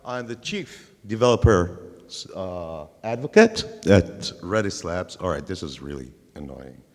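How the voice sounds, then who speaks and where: A middle-aged man with an Israeli accent gives a casual tech talk on a handheld mic in a large conference hall, where long reverb trails his words. His voice sits low, with lively intonation and a measured pace, and he's self-deprecating and full of fillers.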